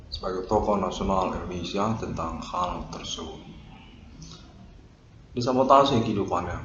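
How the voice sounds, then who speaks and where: Very low male voice, formal stilted monologue, halting pauses, echoey room, hissy lo-fi recording. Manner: stiff, repetitive formal phrasing with long pauses. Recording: lo-fi roomy recording with noise.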